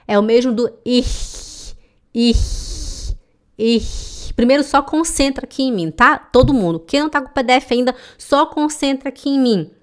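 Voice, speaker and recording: A Brazilian woman with a Brazilian Portuguese accent teaching German in a live online lesson, sounding out words slowly and repeating them for her students. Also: high voice. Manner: slow, exaggerated demonstration of German sounds; addresses students directly, repeating words for practice.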